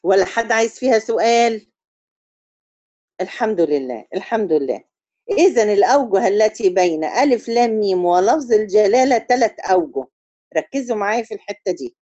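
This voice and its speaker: A woman with an Egyptian Arabic accent leads a tajweed lesson in a warm, mellow voice. She explains each rule step by step and often checks that her students follow. She sings out long, stretched syllables to show how the verse should sound, and the recording is close and dry. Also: mid-range voice, expressive, no room sound, highs cut off. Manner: chants drawn-out syllables to demonstrate recitation. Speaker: Quran recitation teacher.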